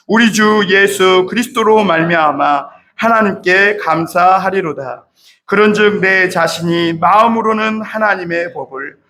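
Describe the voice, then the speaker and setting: A middle-aged male pastor preaching a Sunday sermon in a church. His voice sits high for a man, and he turns emotive, climbing into shouts on key lines. He keeps calling out to the congregation. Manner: addresses the congregation often. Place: church sanctuary.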